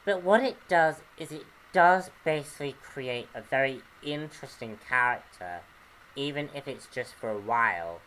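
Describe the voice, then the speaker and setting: Slow, hesitant man reviewing comics. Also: medium pitch, a bit bright, slight background noise, poor audio. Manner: hesitant, pauses often to search for words. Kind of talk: unscripted review monologue.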